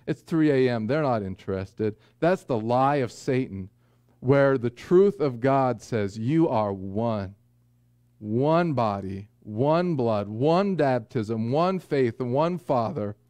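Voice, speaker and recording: A man in his forties preaching a sermon from a small church pulpit, earnest with folksy asides and slow, deliberate emphasis. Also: mid-range voice, expressive, dark tone, no room sound. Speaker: pastor. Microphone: pulpit microphone, far camera.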